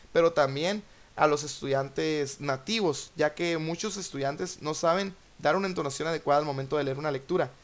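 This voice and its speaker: A young man hosting an educational podcast, explaining in a measured, lecturing way with frequent fillers. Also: fairly high pitch. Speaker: podcast host, Spanish teacher.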